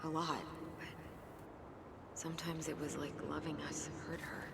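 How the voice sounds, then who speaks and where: A guarded young twin sister in a story game. Her voice sits very low for a woman and stays dry and wry. Loud background ambience runs under the whole scene. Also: flat delivery, moderate pace, creaky, heavy background noise. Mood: subdued.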